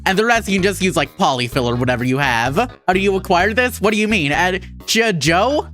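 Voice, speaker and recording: Animated Minnesotan woman streaming. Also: on the low side, brisk, faint music behind. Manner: irreverent, jokey, talks to chat while sewing. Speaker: VTuber streamer. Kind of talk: casual craft livestream chat.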